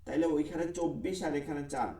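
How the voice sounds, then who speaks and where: A man teaching an online Quran recitation class, repeating each term slowly and leading the class to recite along. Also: on the high side, mellow, echoey room, distant mic. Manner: repetitive, drills terms, has class recite along. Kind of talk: online tajweed lesson.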